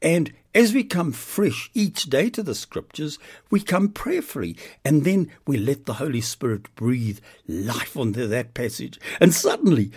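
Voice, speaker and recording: Older man preaching slowly, husky voice. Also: mid-range voice, darkish tone. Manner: earnest, emphatic, lingers on key words. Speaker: podcast preacher. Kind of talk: devotional podcast sermon.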